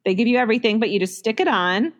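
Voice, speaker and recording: A woman's voice: on the high side, quick pace. A woman in her thirties co-hosting a podcast, chatting casually and laughing often, with plenty of likes and ums. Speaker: podcast co-host. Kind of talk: casual chat.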